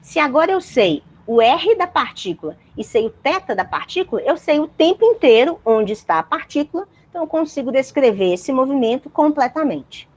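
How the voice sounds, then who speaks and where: A woman's voice: high-pitched, very animated, normal speed, hardly any pauses. A woman giving a university physics lecture, explaining step by step and checking in with her students.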